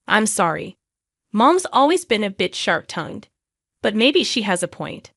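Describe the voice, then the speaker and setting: A woman voicing a gentle, apologetic husband on the phone in a narrated story. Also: medium pitch, sing-song, a little slow, gravelly, no room sound, studio quality, full character voice. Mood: soothing. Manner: soothing, apologetic.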